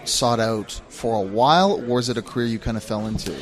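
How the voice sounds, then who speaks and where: A man's voice: medium pitch, brisk. A man interviewing a wrestler, asking friendly, rambling questions with fillers. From Canada.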